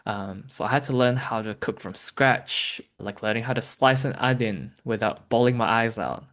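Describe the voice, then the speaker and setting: A man's voice: medium pitch, normal speed, a bit bright. A man from Malaysia, a therapist, telling his story in a candid interview with an easygoing manner. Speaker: therapist sharing his experience.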